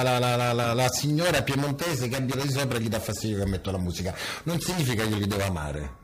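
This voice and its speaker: A man's voice: mid-range voice, fairly bright tone. A man photographer answering interview questions in a frank, provocative way, often searching for his words. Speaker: photographer and creative director.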